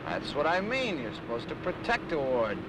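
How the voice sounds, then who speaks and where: An actor playing a teasing, wry young drifter in a 1960s TV drama. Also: male voice, mid-range voice, very animated, normal speed, natural voice. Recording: hissy old TV soundtrack.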